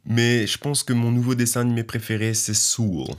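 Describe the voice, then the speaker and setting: A man's voice: mid-range voice, little pitch movement, moderate pace. A young man hosting a casual solo podcast, chatting and rambling with lots of fillers and restarts. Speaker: podcast host.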